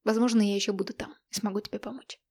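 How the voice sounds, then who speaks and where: A woman's voice: mid-range voice, fairly even intonation, rapid-fire, darkish tone, natural voice. A woman doing a hurt, jealous young man. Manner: strained, earnest, pleading.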